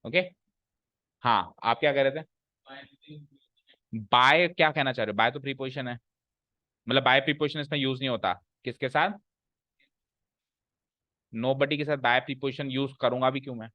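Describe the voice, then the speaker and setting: During a classroom lecture on English grammar, a man repeats his points and quizzes the students as he goes. His voice is mid-range, at normal speed with long pauses. The recording has no echo but sounds muffled.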